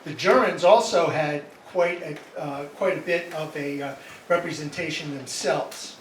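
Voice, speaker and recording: A man leading a band and introducing tunes at a live concert, chatty and self-deprecating, halting with many fillers. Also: fairly high pitch, slight background noise. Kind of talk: live concert stage talk. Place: concert hall. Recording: echoey hall from far off.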